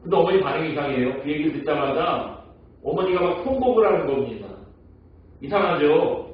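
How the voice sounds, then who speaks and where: A male pastor delivers a Sunday sermon, telling stories and putting questions to the congregation. His voice sits a little high. He sounds set back from the mic in a booming, echoey sanctuary with a dull, muffled tone. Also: expressive, fairly quick, distant mic. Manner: storytelling, asks the congregation questions. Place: church sanctuary.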